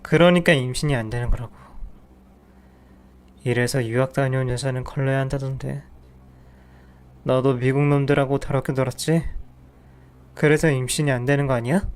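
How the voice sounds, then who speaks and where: A man playing a cold cheating husband, smooth voice. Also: mid-range voice, steady tone, moderate pace, long pauses, natural voice. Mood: contemptuous. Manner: contemptuous, curt. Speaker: husband in a narrated story. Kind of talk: audio drama.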